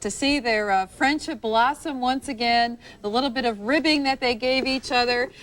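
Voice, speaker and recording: Female pledge drive host, high-pitched, chatty live fundraising delivery, ad-libbed. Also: moderate pace, fairly bright tone, low-quality recording.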